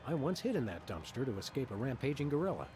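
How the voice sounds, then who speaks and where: An actor voicing a big, unflappable cartoon dog detective in a video game, wry and deadpan. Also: male voice, mid-range voice, quick pace, a little hiss or hum, natural voice.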